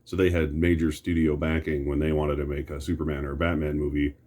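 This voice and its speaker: A man's voice: rumbling low, level tone, fast, a little mellow. A middle-aged American man giving casual, rambling commentary in an opinionated, grumbling back-in-my-day rant with some mild swearing. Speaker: host reminiscing about superhero films.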